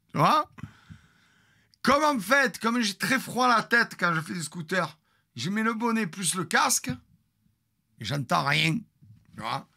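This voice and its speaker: A man's voice: fairly high pitch, bright, forceful tone. A man in his fifties telling a story in a crude, theatrical, jokey way, with asides to his chat. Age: 50s. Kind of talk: casual storytelling.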